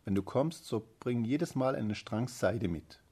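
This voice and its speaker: A man speaking as a gentle tower maiden. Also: medium pitch, expressive, measured pace, breathy edge. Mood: earnest. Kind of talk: storybook reading.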